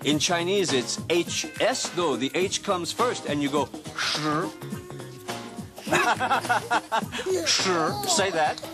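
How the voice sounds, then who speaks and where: Jokey male kids' presenter, clear music behind. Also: a little high, animated. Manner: exaggerated, jokey, drawn-out words. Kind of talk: playful comedic teaching.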